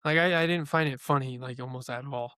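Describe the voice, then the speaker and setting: With a medium-pitched, sharp yet clean voice, a young man talks fairly quickly as a podcast co-host, sharing his views casually and leaning heavily on "like." The studio recording is clean, without any room sound.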